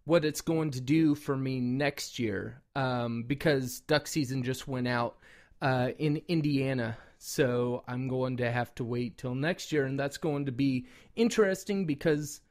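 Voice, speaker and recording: A man's voice: medium pitch, a little slow. A man giving a casual product review in a rambling, informal way, often correcting himself. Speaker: product reviewer and call maker.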